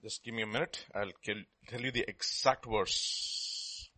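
A man's voice: fairly low pitch, steady tone, unhurried, bright, forceful tone. A man with a South Indian Telugu accent preaching a sermon in a teacherly way, repeating key words for emphasis and putting questions to his listeners.

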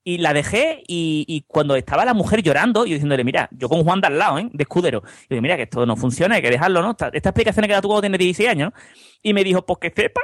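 A man's voice: a little high, animated, rapid-fire, no room sound, clean studio sound. A man from Andalusia with an Andalusian accent, telling rambling anecdotes in casual podcast chat and tagging his sentences with questions. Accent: Andalusian Spanish. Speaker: podcast co-host.

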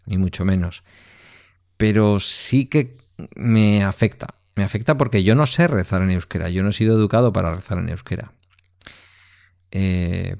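A man's voice: sits low, darkish tone, no room sound, clean studio sound. A man the there, telling personal stories in a reflective way as a podcast co-host. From Basque Country, Spain. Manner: reflective anecdotal storyteller. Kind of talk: casual conversation.

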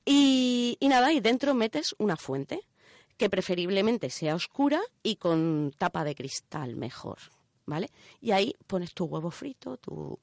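A woman from Spain, contributing a segment to a radio show, walks listeners through a topic step by step in a relaxed way, often checking they're keeping up. Her voice is medium-pitched and sing-song, gravelly with a darkish tone, and she speaks at a measured pace. The recording is clean studio audio with no room sound.

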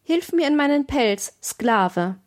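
A woman's voice: sits high, expressive, takes it slowly, pitched above the performer's own voice. A woman reading an audiobook, voicing a haughty, capricious young noblewoman who swings between tender and cruel. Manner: imperious, alternating tender and cruel.

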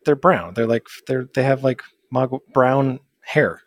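A man with a medium-pitched, slightly slow voice co-hosts a casual gaming podcast, sounding dry and teasing and laughing often. The talk is relaxed chat, and the recording itself is dry.

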